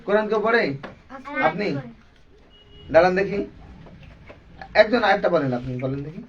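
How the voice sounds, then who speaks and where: A man teaching Quran recitation rules to a class, drawing out sounds slowly to show pronunciation and quizzing his students. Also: high-pitched, lively intonation. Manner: slow, drawn-out demonstrations, quizzing students. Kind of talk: classroom tajweed lesson. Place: classroom with a group of learners. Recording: dull, distant classroom recording with many people.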